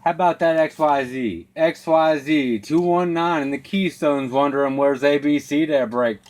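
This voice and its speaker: Radio static and noise hiss behind a male CB operator whose fairly high, slightly mellow voice moves at a moderate pace. Making contacts, he repeats call signs and slang in terse radio patter on a noisy channel.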